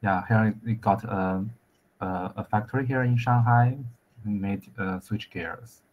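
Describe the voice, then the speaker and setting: A man speaks in a low voice, feeling his way through each sentence with fillers and repeated words. The sound is dull and lo-fi, like a video call. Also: steady tone. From central China. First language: Chinese. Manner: halting, many restarts and fillers. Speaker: engineer. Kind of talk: casual conversation practice.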